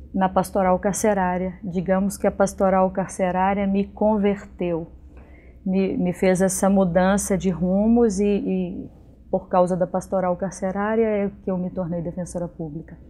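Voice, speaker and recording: A woman from Belo Horizonte with a Minas Gerais Brazilian accent, a public defender answering interview questions in a measured, earnest way. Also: medium pitch, warm tone. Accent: Brazilian Portuguese, Minas Gerais.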